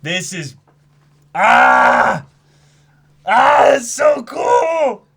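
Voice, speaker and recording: A man co-hosting a stream mixes dramatic reading aloud with casual reactions, theatrical and excitable throughout. His voice is very high-pitched, creaky and husky, and he draws his words out.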